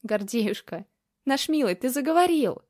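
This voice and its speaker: A woman's voice: a little high, moderate pace, darkish tone, no room sound, close to an everyday voice. Woman voicing a weepy, loving grandmother, slightly raised voice, dry studio sound. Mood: emotional. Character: tearful loving grandmother in a wheelchair.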